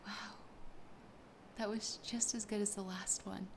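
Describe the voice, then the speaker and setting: In an ASMR roleplay, a woman plays a sassy, wistful young siren, sounding delighted and curious. Her mid-range voice is soft, breathy, and close to the mic, often dropping to a whisper, with little pitch movement and a measured pace. Clear background noise sits behind her.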